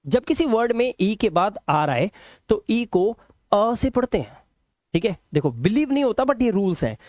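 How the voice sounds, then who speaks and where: A man's voice: high voice, big pitch swings, dry recording, studio quality. Patient male teacher drilling English phonics. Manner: explains patiently, repeats words slowly and asks checking questions. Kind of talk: classroom phonics lesson.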